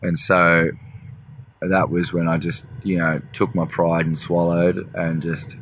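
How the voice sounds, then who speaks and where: A man's voice: deep voice, level tone, slow, a bit bright, slight background noise. A man, a musician guest, telling a story in a rambling, casual way with frequent swearing. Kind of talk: casual storytelling in a podcast interview.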